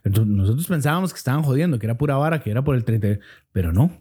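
A young man with a Costa Rican accent tells his story with animated swings in pitch and bursts of excitement. His voice is mellow and warm, and his speech is loose and full of slang. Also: rapid-fire, breathy edge. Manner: animated, slangy, with sudden outbursts. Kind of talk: casual storytelling chat.

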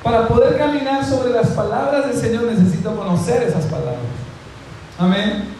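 His voice is extremely high-pitched and mellow, moving at normal speed, as this male pastor preaches a fervent sermon. Speaking directly to the audience, he often calls out amen, asks them to repeat phrases and has them speak to the person next to them. There's slight background noise and faint ambience in a very echoey room.

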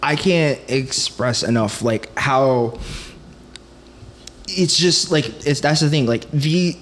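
A man's voice: mid-range voice, takes it slowly, a bit bright, slight background noise. A young man co-hosting a podcast, chatting casually about movies and rambling through restarts. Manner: rambling, restarts often, loose and talkative. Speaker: podcast co-host. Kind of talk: casual chat.

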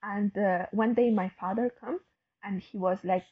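A woman's voice: medium pitch, fairly even intonation, moderate pace, slightly rough, lo-fi sound. A woman, a guest telling her story hesitantly, with many fillers and restarts. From Afghanistan. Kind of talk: casual interview talk.

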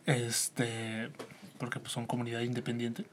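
A Mexican man in a casual podcast chat, telling a rambling story that trails off softly. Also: medium pitch, monotone, unhurried, a little hiss or hum. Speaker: podcast co-host.

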